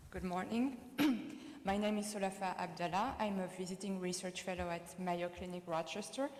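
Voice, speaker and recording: A woman's voice: on the low side, level tone, brisk, darkish tone, a little hiss or hum. French-accented woman in an echoey hall. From France. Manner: reads formally, hesitant with fillers when answering. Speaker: surgeon presenting research. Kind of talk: conference presentation. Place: conference hall. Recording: echoey conference hall reverb.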